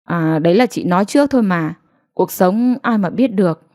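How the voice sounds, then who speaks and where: A woman voicing a beaten, despairing young village woman whose speech turns high and pleading. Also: expressive, moderate pace, darkish tone, close to an everyday voice. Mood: resigned. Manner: pleading and broken, high-pitched cries.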